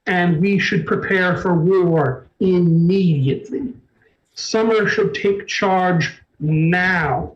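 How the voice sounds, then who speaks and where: A man voicing a booming, forceful changeling king who roars and pushes for war. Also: slow, dull audio. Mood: insistent. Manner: roaring, pompous.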